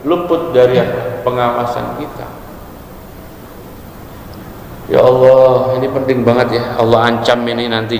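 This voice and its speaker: A man's voice: mid-range voice, a little hiss or hum. A man giving a casual religious study lecture, joking and asking his listeners questions. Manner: joking, asks the audience questions. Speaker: religious teacher. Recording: echoey hall with faint ambience.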